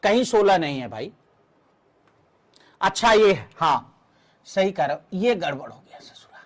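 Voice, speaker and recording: A man teaching a Hindi exam-prep class, explaining verse meter slowly and counting syllables aloud for his students. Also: high voice, sing-song.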